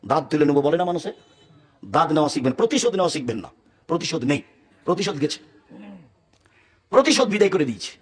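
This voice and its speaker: A man from Bangladesh preaching an emotional sermon, speaking hard and forcefully, with Arabic recitation and rhetorical questions to the crowd. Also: fairly high pitch, very animated, quick pace, pauses often. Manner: forceful, hard-spoken delivery. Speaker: Islamic preacher.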